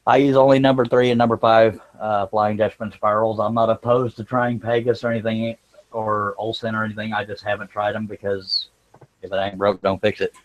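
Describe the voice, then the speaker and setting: A man with a fairly low voice hosts a live craft stream. He talks casually while he works, in a folksy, joking way. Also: flat delivery, fairly quick, low-quality recording. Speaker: livestream host, scroll saw craftsman.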